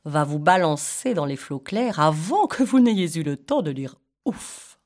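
A woman's voice: deep voice, big pitch swings, unhurried, darkish tone. A woman voicing a pompous rock python who speaks in long, formal, flowery sentences. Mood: grandiloquent. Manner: long-winded, formal and grandiloquent.

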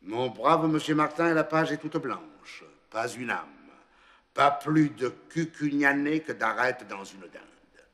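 A hearty, kindly old saint at heaven's gate, as a storyteller puts him on, cheerful and reassuring. He talks slowly, with a bright, tense ring to the voice. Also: mid-range voice, lively intonation, in a large hall, voice pushed up. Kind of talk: storytelling reading.

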